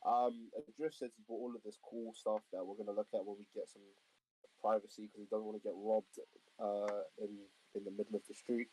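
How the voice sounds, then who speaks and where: A man's voice: fairly low pitch, level tone, a little fast, warm tone, husky, poor audio. A man playing in a tabletop game who recaps the session in a rambling, casual way. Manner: rambling, with fillers. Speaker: player.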